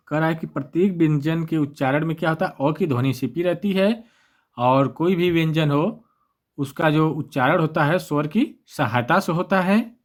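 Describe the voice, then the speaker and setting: Guy teaching exam grammar, voice a bit on the high side, keeps asking himself questions and answering. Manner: repetitive, asks and answers his own questions. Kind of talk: exam-prep grammar lesson.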